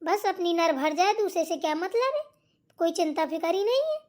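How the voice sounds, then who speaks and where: Lady doing a naggy saas in a cartoon, super high pitched, always scolding. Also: animated, normal speed. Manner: nagging, scolding. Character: scolding bossy older mother-in-law. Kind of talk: cartoon voice acting.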